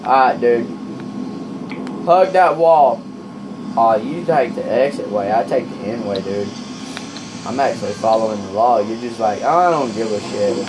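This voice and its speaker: A man with a medium-pitched voice speaks a little slowly, leaving long pauses, as he plays a trucking game with a friend. He's rowdy and casual, swears a lot, and erupts in loud excitement, all over background noise.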